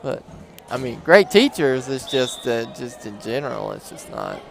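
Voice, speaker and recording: A man's voice: medium pitch, wildly swooping pitch, normal speed, vocal fry, soft background music. A young man doing casual, joking commentary on a livestream from a school gym. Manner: joking, laid-back and chatty.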